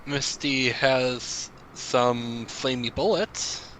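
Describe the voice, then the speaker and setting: A man's voice: medium pitch, drawn-out words, a bit bright, slight background noise, poor audio. A man playing a tabletop game, tossing out playful quips. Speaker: player.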